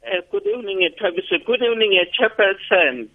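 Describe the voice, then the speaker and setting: A man from the Free State calling in to a radio show, heard over a clipped telephone line and talking haltingly as he searches for words. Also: high voice. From Free State, South Africa. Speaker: radio caller. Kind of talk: call-in radio comment. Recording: tinny lo-fi phone line.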